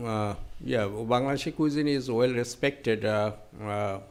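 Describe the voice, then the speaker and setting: A man answering audience questions at a conference, speaking haltingly with many fillers and restarts. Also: medium pitch, clean tone.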